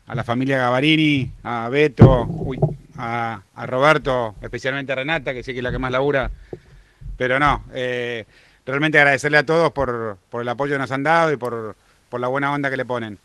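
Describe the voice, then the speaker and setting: A man with an Argentine accent giving a halting, informal thank-you speech at a cattle sale. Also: mid-range voice, fairly even intonation, a bit bright, clear, resonant tone, no room sound. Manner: halting, restarts with fillers. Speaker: breeder thanking buyers.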